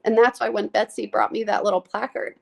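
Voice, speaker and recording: A woman telling a deeply personal story as a podcast guest. She talks in a heartfelt, halting way with many fillers and is close to tears, her voice breaking. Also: level tone, vocal fry. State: tearful, voice breaking. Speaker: nurse practitioner guest.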